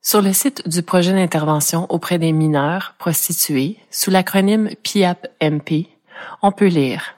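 A middle-aged woman with a Franco-Ontarian French accent reads her own scripted podcast narration. Her voice sits a little low, and her delivery is measured and reflective. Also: a little mellow. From Ontario, Canada. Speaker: podcast host.

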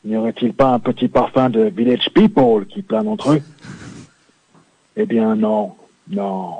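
A man's voice: medium pitch, sing-song, measured pace, vocal fry, dry recording, full character voice. A man phoning in as a swaggering macho biker, over a phone line. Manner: swaggering, suggestive, self-satisfied. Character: macho, boastful adult male biker sidekick from a video game. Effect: over a phone line into a radio studio. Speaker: caller doing a comedy bit. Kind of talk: comic phone-in sketch. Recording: dull lo-fi dry phone line.

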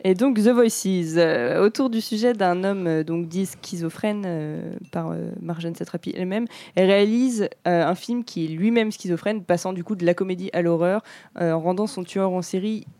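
Podcast co-host, woman, late 20s, warm mellow tone, halting casual delivery, dry close mic. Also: on the low side, no echo. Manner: hesitant, many fillers and restarts. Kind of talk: casual film-review chat.

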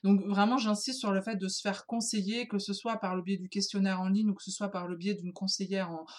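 A woman's voice: mid-range voice, flat delivery, brisk, darkish tone. French lady explaining stuff, lots of euh and restarts, talks straight to you like a friend. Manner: hesitant, many fillers and restarts; addresses listener informally. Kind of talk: casual explanatory talk.

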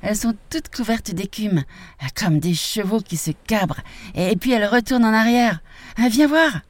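Brief: storybook boy, eager and boastful, high and loud, woman reading. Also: fairly quick, dry recording, close to an everyday voice. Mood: excited. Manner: excited, boastful, raised voice.

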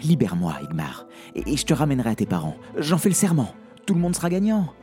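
A man's voice: a little high, very animated, fast talker, dark tone, faint music behind, voice pushed up. A man voicing a timid but earnest young knight who pleads and urges. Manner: pleading, urgent.

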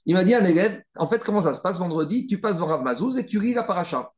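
A man teaching a Talmud study class, animated and repetitive, rallying his students with frequent asides. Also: sits high, fast talker. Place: study room with students, also streamed on video call. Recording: echoey room.

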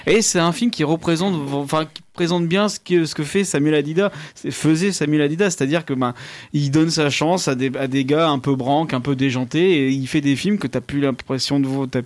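A man's voice: fairly high pitch, a little fast. Rambling, casual male film critic. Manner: loose, rambling, full of fillers and restarts. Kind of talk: casual film review chat.

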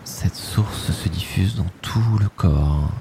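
A man with a low, gravelly voice guides a sleep meditation. His delivery is soft and soothing, drifting in short phrases at a very unhurried pace and often sinking toward a breathy whisper. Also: background noise.

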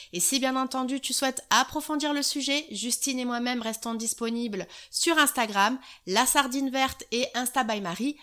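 A woman's voice: sits high, a bit bright. A woman hosting a podcast, chatting casually and playfully with a guest and laughing often. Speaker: podcast host.

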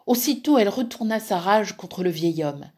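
A woman reading a fairy tale aloud as a museum storyteller, measured and expressive. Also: medium pitch, slightly rough.

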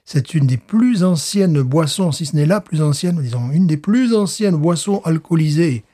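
A man's voice: a little high, lively intonation, normal speed, dark tone. A man co-hosting a casual podcast, presenting a drink in a rambling, hesitant way, often laughing and repeating himself. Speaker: podcast co-host presenting a beer. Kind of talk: casual chat.

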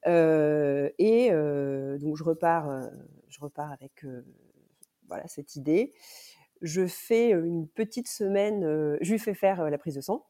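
A woman's voice: sits low, animated, unhurried, warm tone. A woman in her thirties, a mother recounting events as a podcast guest, in a hesitant way with many fillers and restarts. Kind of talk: casual storytelling interview.

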